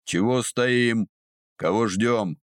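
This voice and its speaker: A man voicing a sly old male overseer, gruff and scornful, speaking in an unhurried, mocking way. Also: on the low side, no room sound, studio quality, voice pushed up.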